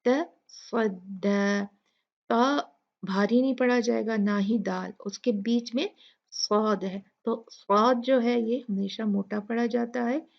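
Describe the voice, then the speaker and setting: Slow, gravelly woman teaching recitation. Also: a little high, fairly even intonation. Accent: Pakistani Urdu. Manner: patient, repeats sounds slowly for demonstration. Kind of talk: tajweed lesson explaining recitation rules. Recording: dull lo-fi recording.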